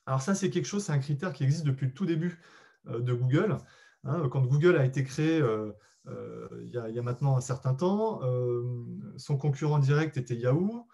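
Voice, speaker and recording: A man leads a live online training session in a warm, relaxed voice. He explains things patiently and pauses often to find his words. He speaks politely and directly to his audience. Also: mid-range voice, creaky, breathy edge. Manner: explains patiently, with frequent hesitations; addresses listeners directly and politely. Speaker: SEO webinar presenter. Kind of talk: live webinar presentation.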